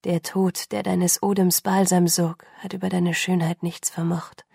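A woman voicing a calm, dazed young male vampire who speaks softly and murmurs with quiet wonder and a touch of amusement. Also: measured pace, creaky, husky, no room sound, clean studio sound, full character voice. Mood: murmuring. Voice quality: soft and murmuring. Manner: wondering, lightly amused, lowered voice.

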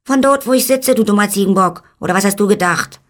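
A man voicing a tiny, scornful male fairy man who mocks the animals from a donkey's head. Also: close to an everyday voice. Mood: mocking. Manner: scornful, shrill and fast.

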